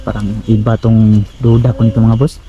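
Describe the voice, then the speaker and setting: A man filming a ghost-hunting vlog outdoors at night on a handheld camera, calling out loudly, then dropping to hushed asides for his viewers. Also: fairly low pitch, level tone, normal speed, dull audio, background noise. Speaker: paranormal vlogger.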